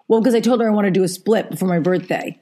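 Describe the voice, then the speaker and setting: A woman co-hosting a podcast in chatty, casual talk, quick to laugh. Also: mid-range voice, warm tone. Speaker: podcast co-host. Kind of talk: casual chat.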